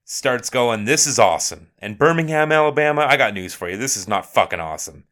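Male podcast co-host, angry ranter, voice swings widely in pitch. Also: lively intonation, a little fast, fairly bright tone, clean tone. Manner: heated ranting with swearing. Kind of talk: casual chat.

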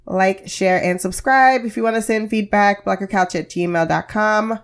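A woman's voice: medium pitch, moderate pace. An American woman hosting a casual TV review podcast, candid and wry, sounding under the weather and heavily medicated. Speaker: podcast host.

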